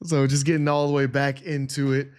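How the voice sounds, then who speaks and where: A man's voice: medium pitch, flat delivery, a little fast, darkish tone. A man streaming his reactions, talking in a casual, rambling way full of "like". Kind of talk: reaction commentary.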